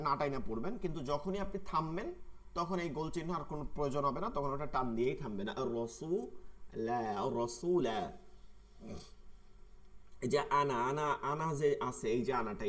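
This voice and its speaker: A man, teaching an online tajweed class and patiently repeating words slowly to show their pronunciation. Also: a little high, bright, forceful tone. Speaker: Quran recitation teacher.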